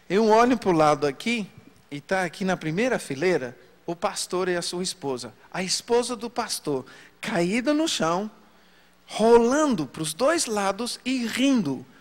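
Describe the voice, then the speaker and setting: A man preacher telling a story from the pulpit in an animated sermon. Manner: storytelling, animated pitch swings. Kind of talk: sermon testimony. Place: church hall. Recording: long hall reverb.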